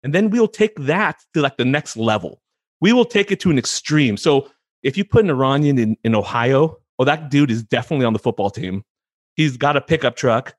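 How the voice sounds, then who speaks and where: An American man in his thirties talks easily as a guest in an interview, laughing often and restarting his sentences. His pitch sits in the ordinary middle for a man. The sound is close and dry, with no room echo. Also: lively intonation, brisk. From United States, San Francisco Bay Area. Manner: chatty, laughs easily, repeats words when starting a thought. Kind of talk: casual interview conversation.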